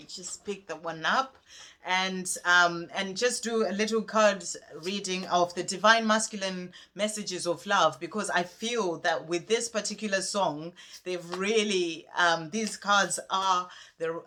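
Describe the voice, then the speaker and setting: A woman chatting casually on a spiritual vlog, rambling and gentle as she talks through a song and pulls cards. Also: lowish voice, slight background noise. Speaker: spiritual card reader.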